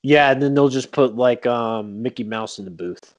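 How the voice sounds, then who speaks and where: A man's voice: mid-range voice, moderate pace, lo-fi sound. A man chatting casually and jokingly about sports, with many fillers. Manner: animated, joking, lots of fillers. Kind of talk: casual chat.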